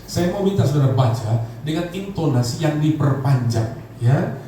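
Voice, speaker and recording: A man's voice: on the high side, lively intonation, moderate pace, warm tone. A pastor in his fifties from Indonesia, preaching a sermon with humor and calling on the congregation to answer him. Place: large church hall. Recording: echoey hall, distant mic, background noise.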